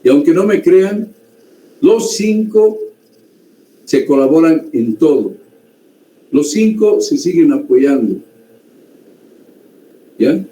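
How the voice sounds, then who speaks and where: A man's voice: fairly high pitch, very animated, slow, pauses often, mellow. A man teaching a medical class, lecturing conversationally and often checking in with his students. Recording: echoey room with faint ambient noise.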